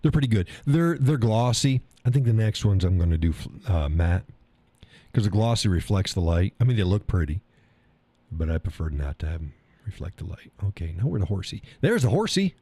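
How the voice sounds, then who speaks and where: A live stream host with a low, husky, warm voice and a stuffy nose chats casually from his home workshop room. He's very animated and brisk, rambling in a folksy way and reading the chat aloud, with no echo in the sound.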